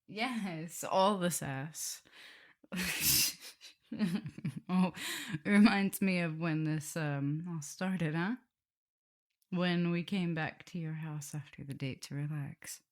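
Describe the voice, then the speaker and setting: In an intimate ASMR roleplay, a woman plays an affectionate, teasing vampire mistress and professor who is a doting lover. Her fairly low, breathy, husky voice is soft, unhurried and tender, with a playful, gently teasing mood.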